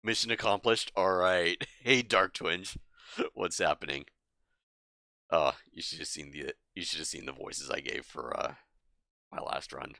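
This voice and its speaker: A woman's voice: rumbling low, fairly even intonation, unhurried, gravelly, pushed and bright, dry recording, studio quality. A young woman streaming a game, chatting casually and animatedly, often laughing. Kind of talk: casual live-stream chat.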